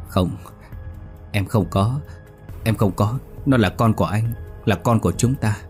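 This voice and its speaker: A man's voice: lowish voice, unhurried, a little mellow, faint music behind, close to an everyday voice. A man voicing a sobbing, pleading young wife. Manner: begging, tearful, rising to cries.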